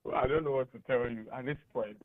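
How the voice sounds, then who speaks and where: A man with a Ghanaian English accent, speaking as a guest analyst on a radio talk show, animated and emphatic. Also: medium pitch, dry recording. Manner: animated and emphatic, laughs often. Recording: tinny phone-like radio studio sound.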